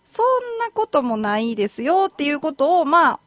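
A woman's voice: high-pitched, sing-song, normal speed, no echo. A woman with a Kansai accent, a lawyer hosting a solo radio talk show, speaking politely and chattily with many filler words. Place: community radio studio.

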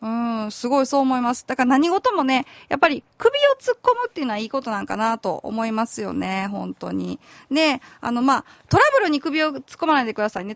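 A woman's voice: sits high, a bit bright, dry recording. A woman lawyer with a Kansai accent hosting a community radio talk show in a chatty, informal way, thinking aloud as she speaks. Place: radio studio.

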